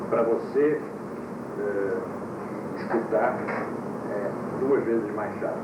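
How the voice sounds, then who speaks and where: A man gives a playful classroom lecture, firing rhetorical questions at his students. He is heard on an old VHS tape full of loud hiss. He stands well back from the mic in a room with a strong echo. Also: lowish voice, steady tone, takes it slowly, distant mic. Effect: old VHS tape recording. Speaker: yoga teacher giving a lecture. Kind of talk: classroom lecture to school directors.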